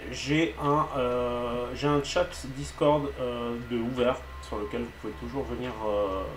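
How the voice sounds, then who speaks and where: Relaxed French-accented man, roomy sound. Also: medium pitch, unhurried, soft background music. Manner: relaxed and chatty, with frequent hesitant fillers. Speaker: miniature painter hosting a live stream. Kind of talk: casual live-stream painting commentary.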